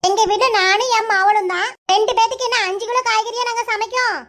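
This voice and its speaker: A woman's voice: very high-pitched, steady tone, fast talker, background noise. A woman voicing a defiant young village wife in a cartoon, retorting defensively in Kanyakumari Tamil.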